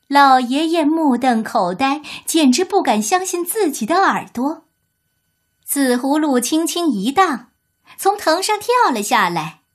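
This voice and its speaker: A woman narrating a children's story in an expressive, deliberate way. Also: high-pitched.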